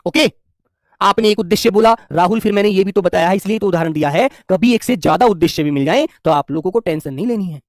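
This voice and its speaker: A man teaching Hindi grammar in an online exam-prep lesson, affectionate and reassuring, and sometimes dictating slowly word by word as he writes. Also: high voice, no room sound, clean studio sound. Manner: affectionate and reassuring, keeps calling students "dear children".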